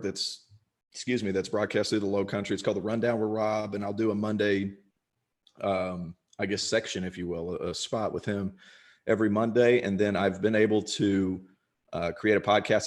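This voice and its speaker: A man's voice: fairly low pitch, a little mellow. A young man and former college player talking casually in an interview, chatty and self-deprecating, with frequent restarts. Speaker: podcast host and former college basketball player.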